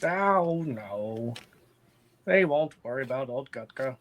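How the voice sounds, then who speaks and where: A man's voice: medium pitch, lively intonation, takes it slowly, dull audio, slight background noise. A man voicing a very old, possessive vampire woman in a tabletop game, talking curtly. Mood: bemused, dismissive. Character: ancient salt-crusted vampire woman living in a cave.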